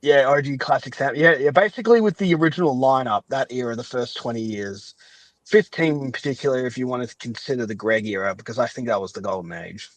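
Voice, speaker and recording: As a podcast guest, a man chats casually and offers his opinions in a rambling way, often qualifying what he says. He speaks fast at medium pitch, and the low-quality recording has no echo.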